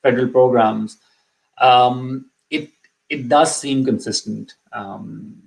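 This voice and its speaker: This middle-aged man, whose first language is Urdu, speaks slowly in a creaky, mid-range voice over poor audio. He's hosting a live immigration stream in a loose, casual way, with lots of ums and false starts, and he's slightly sick with a cough.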